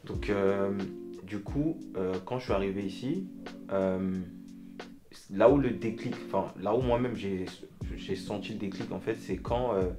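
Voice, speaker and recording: Low-voiced hesitant man, music behind. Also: measured pace. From Togo. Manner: hesitant, fills with "euh" and "tu vois". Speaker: guest musician. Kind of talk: casual interview chat.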